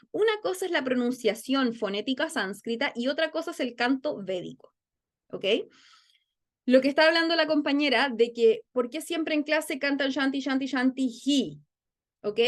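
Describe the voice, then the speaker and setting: A young woman, teaching a webinar lesson on a video call, explaining patiently and often checking with "ok?". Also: high-pitched. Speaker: yoga and Sanskrit phonetics teacher.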